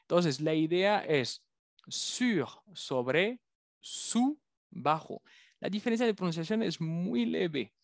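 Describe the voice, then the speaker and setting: A man's voice: high voice, animated, gravelly, dry recording, studio quality. A man teaching a French lesson, carefully drawing out and repeating each French word for his learners. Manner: careful, drawn-out pronunciation of French words. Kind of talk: language lesson.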